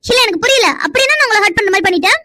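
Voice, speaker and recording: A woman voices a young cartoon woman with a very high, bright voice. She talks extremely fast in quick, indignant retorts. The sound is dry and close. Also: expressive, no room sound, exaggerated voice. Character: young woman Vino, quarrelsome fiancée. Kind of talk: cartoon dubbing.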